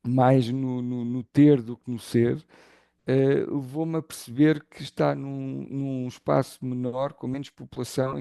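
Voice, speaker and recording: A man with a Lisbon Portuguese accent talks reflectively as an interview guest, circling his thoughts and filling pauses as he goes. His voice is gravelly with fry and a darker, mellow tone. The sound is dry, with no room echo. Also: mid-range voice. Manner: thoughtful, searching for words with many fillers.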